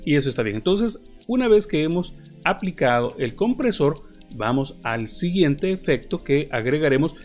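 A man's voice: fairly high pitch, very animated, moderate pace, few pauses, darkish tone, faint music behind. A man teaching podcast editing, talking patiently with frequent hesitant fillers like "eh". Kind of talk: explanatory tutorial. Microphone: studio podcast microphone.

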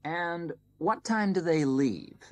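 A woman voicing a customer asking about a trip in a scripted listening-test recording, with a measured, careful delivery. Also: on the low side, expressive, dry recording, soft background music. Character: female customer planning a trip.

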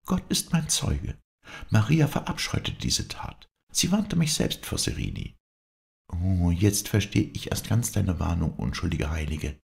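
A man voicing a grieving, fervent young noblewoman, his voice pushed far higher into impassioned, pleading cries. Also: measured pace, creaky, dark tone, full character voice. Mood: indignant.

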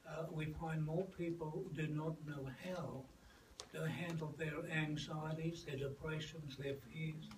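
An older man with an Australian accent, speaking as a guest minister in a calm, measured, pastoral way. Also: on the high side. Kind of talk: calm teaching talk. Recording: echoey room, distant mic, audible noise.

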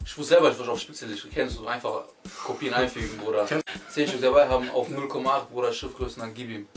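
A young man, heard from a distance, mumbles his way through a slangy exam story. Music plays clearly behind him. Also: medium pitch, fairly even intonation, fast. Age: young adult. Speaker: storyteller among friends. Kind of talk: casual slangy anecdote.

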